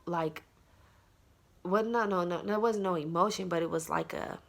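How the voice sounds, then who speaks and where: A woman's voice: lowish voice, moderate pace, gravelly. A mother telling a personal story in a casual vlog, earnest and insistent, often speaking straight to her viewers. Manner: earnest, insistent, with many fillers and direct address to viewers.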